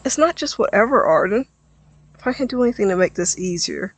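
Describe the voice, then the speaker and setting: A man voicing a cheerful, caring teenage boy who talks eagerly and warmly in a storybook reading. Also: expressive, fairly quick, husky, heavily acted. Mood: apologetic. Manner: eager and warm, pitched up and louder. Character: cheerful caring teen boy, the best friend.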